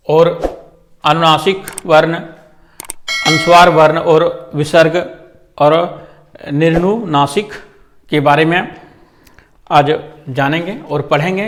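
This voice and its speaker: A man explaining a lesson to students in a halting way, with many repeated filler phrases and restarts. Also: a little high, fairly even intonation. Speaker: tutor.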